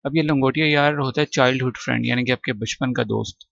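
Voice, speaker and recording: A male teacher walks through a vocabulary list, repeating each word patiently and drilling its pronunciation. The sound is dry and a little dull, as if recorded close on a simple mic. His pitch sits in a middle range. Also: fairly even intonation, fast, creaky, a bit bright, dry recording. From Pakistan. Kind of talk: classroom lesson explaining vocabulary.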